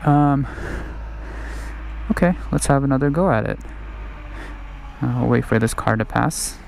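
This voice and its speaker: A man's voice: mid-range voice, unhurried, gravelly, darkish tone. A man giving casual point-of-view commentary outdoors on a street while riding an electric skateboard. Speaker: vlogger reviewing an electric skateboard. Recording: outdoor ride noise, passing vehicles. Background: vehicle and ambient noise.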